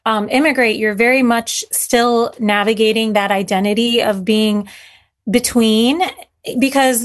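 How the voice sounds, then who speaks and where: In a casual interview, a woman who emigrated from Syria to America as a child speaks earnestly about her writing. Her voice leans high, and she frequently restarts and fills pauses.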